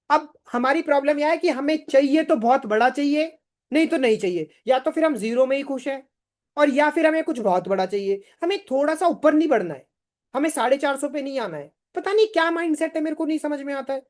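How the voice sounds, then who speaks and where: A man's voice: very high voice, a little mellow. A man running a live online sales training, emphatic and firing rhetorical questions, urging viewers to answer in the chat.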